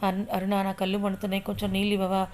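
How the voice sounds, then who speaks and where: A woman's voice: medium pitch, completely flat delivery, rapid-fire, darkish tone, slight background noise, close to an everyday voice. A woman voicing a brave young male hero in an audio story, earnest and determined.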